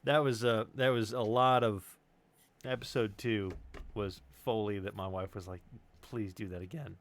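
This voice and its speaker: With a fairly low pitch, steady tone, and moderate pace, this middle-aged stream host and audio drama sound designer chats on an online group stream. His talk is casual, meandering, hesitant, and full of jokes.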